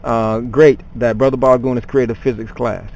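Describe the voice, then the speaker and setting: A man leads an online class, speaking loosely to his students. He talks off the cuff, often stalling on fillers and restarting his sentences. His pitch sits in the middle range for a man. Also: steady tone, normal speed, darkish tone, low-quality recording. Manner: rambling, many fillers and restarts. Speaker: teacher.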